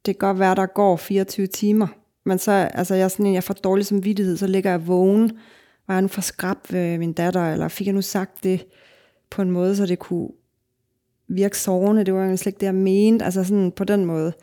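A woman's voice: medium pitch, flat delivery, dark tone. A middle-aged woman from Denmark, a guest author in a casual podcast conversation, talking reflectively in long winding sentences full of fillers.

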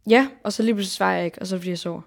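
A woman's voice: mid-range voice, vocal fry. Blunt young woman co-host. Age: young adult. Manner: blunt, mixes in English phrases, searches for words. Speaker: podcast co-host. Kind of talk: casual chat.

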